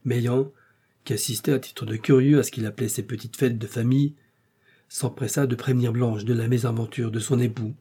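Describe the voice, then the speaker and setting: A man narrating a classic novel in a steady, measured reading. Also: medium pitch, slightly rough. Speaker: audiobook narrator.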